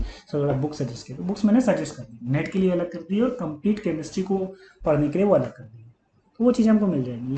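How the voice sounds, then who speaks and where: Speaking in a mellow voice that sits on the high side, a man coaxes exam students through chemistry with earnest repetition of his points, frequently addressing them as "beta." The room echoes and a faint hum runs underneath.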